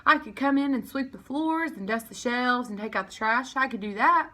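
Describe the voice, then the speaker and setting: An eager young girl from a children's story, voiced by a woman. She is polite and folksy, speaking high and bright as she earnestly makes her case. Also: lively intonation, normal speed. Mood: earnest pleading.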